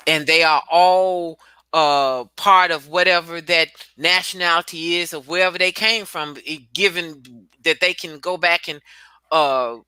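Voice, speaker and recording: Brief: forceful woman host, lower voice, bright and dry, hammers her points home. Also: fairly even intonation, unhurried, clear, resonant tone, no echo. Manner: emphatic, blunt, with swearing and repetition. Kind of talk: casual discussion.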